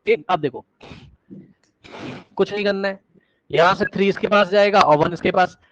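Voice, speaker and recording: A male teacher gives an energetic chemistry lesson, checking in with his students and coaxing answers out of them. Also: high-pitched, moderate pace, muffled recording, a little hiss or hum. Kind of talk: classroom chemistry lecture.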